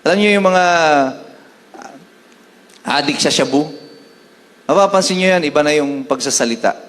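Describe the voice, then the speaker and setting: A man with a Filipino accent preaching a sermon as a pastor, moving between Tagalog and English and slowing down to quote scripture. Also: a little high, fairly bright tone, long reverb tail.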